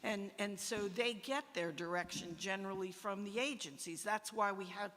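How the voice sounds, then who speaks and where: A woman's voice: mid-range voice, a bit bright. Frustrated lady advocate at a meeting, keeps restarting, echoey hall sound. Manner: emphatic, halting, repeats herself. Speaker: patient advocate.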